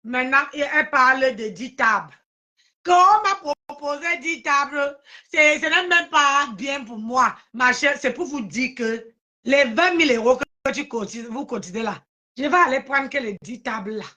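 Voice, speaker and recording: A woman's voice: sits high, moderate pace, bright, forceful tone. A woman hosting a live stream, mocking someone in a sing-song, taunting way, with a habit of repeating phrases. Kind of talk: heated live stream commentary.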